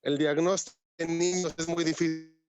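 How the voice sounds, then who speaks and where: A man's voice: a little high, level tone, moderate pace. A man teaching a medical class online, quizzing his students, his voice breaking up over a bad internet connection. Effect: choppy, breaking-up internet connection. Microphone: computer on a video call.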